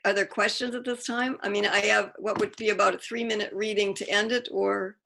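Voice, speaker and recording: A woman's voice: medium pitch, steady tone, brisk, gravelly, pushed and bright. A middle-aged woman author on a video call, talking in a chatty, self-interrupting way. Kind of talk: casual Zoom Q&A.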